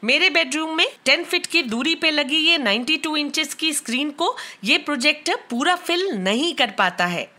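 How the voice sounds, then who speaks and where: A woman with an Indian accent reviewing tech products, explaining in a clear, matter-of-fact way. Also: sits high, expressive, moderate pace, few pauses, pushed and bright. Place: bedroom at home.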